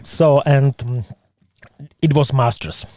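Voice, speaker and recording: A man whose first language is Czech hosts a casual interview in halting English, with many pauses and fillers. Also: medium pitch, warm tone, no echo. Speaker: podcast host.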